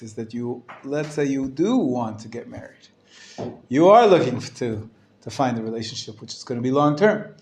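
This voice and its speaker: Halting rabbi giving a conversational class. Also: male voice, medium pitch, darkish tone. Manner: hesitant, halting delivery with frequent restarts; conversational, asks and answers his own questions. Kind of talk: informal lecture to a live class.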